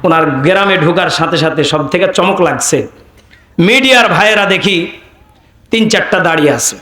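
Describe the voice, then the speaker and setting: A man preaching, calmly telling a story to his audience in a conversational tone. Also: high-pitched, normal speed. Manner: calm, conversational narration to a crowd. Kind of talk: sermon storytelling. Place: open-air religious gathering. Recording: echoey public-address sound.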